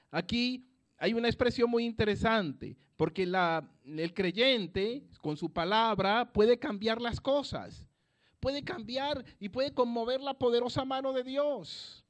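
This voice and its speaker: High-voiced man preaching a slow sermon. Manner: emphatic, repeating phrases, swinging between loud and soft.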